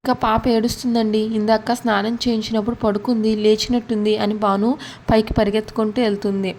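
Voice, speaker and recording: A woman vlogger chats her way through a TV serial episode, retelling each scene and dropping in her own remarks. Her voice sits a little high. A faint hiss runs underneath. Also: flat delivery, quick pace, darkish tone. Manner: chatty storytelling with asides.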